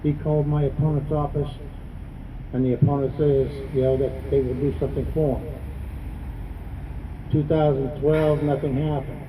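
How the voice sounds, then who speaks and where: A man's voice: fairly high pitch, level tone, moderate pace, pauses often, far from the mic, phone-quality sound, noisy background. A man speaking as a political candidate at a news conference, plain-spoken and adamant, repeating phrases for emphasis. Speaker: congressional candidate and veterans advocate. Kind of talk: campaign speech at a news conference.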